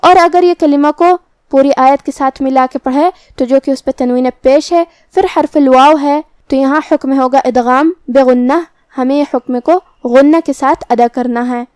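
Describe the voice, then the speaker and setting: A woman teaching Quran recitation, explaining each letter methodically and then reciting the verses slowly. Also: high-pitched, steady tone, a little mellow, no echo.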